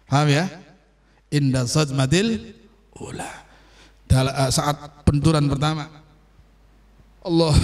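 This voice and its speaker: A man teaching an online sermon on Sufi patience, explaining slowly and checking that his listeners understand. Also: a little high, darkish tone. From Indonesia. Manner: explains slowly, asks "understand?" often, acts out quoted voices. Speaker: religious teacher.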